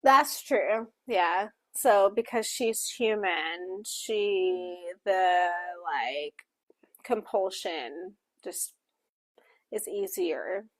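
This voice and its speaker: Slow-talking woman book club host. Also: medium pitch, no room sound. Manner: expressive, chatty, with frequent fillers. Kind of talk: casual book discussion, voicing interpreted signing.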